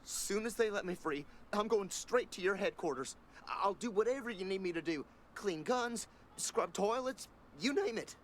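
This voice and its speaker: An actor playing an eager, grateful young prisoner in a video game, nervous and earnest, gushing and stammering. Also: male voice, high voice, expressive, moderate pace, slight background noise. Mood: excited, grateful. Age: young adult. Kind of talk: video game character acting.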